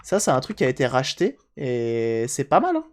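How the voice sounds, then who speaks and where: A man's voice: mid-range voice, huge pitch swings, fairly quick, slight background noise. Chatty man repairing on stream. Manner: chatty, jokey, answers chat aloud. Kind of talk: casual live-stream chat while repairing.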